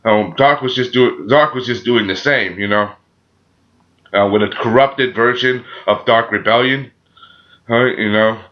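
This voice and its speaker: Halting man with a sore throat, muffled audio. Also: medium pitch. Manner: halting, repeats phrases, frequent "you know". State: sore throat, a little sick. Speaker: anime review channel host. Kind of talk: casual unscripted episode review.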